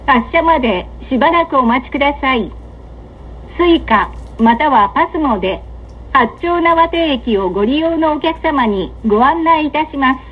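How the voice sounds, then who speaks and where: Woman, high voice, formal recorded train announcement, polite measured delivery, muffled PA. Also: expressive. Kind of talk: scripted recorded onboard announcement. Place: train carriage public-address system. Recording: dull lo-fi train PA, running noise. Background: train ambience.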